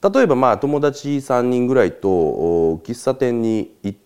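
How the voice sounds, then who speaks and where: A man's voice: mid-range voice, expressive, measured pace, darkish tone, smooth. A man hosting a casual solo talk, telling stories in a chatty way and laughing often between points. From Japan. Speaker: host.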